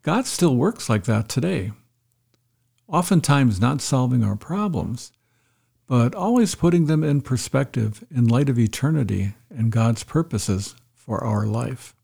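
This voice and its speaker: A man giving a calm, reflective devotional talk as a pastor, retelling a story to make a point. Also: mid-range voice, measured pace, creaky, husky.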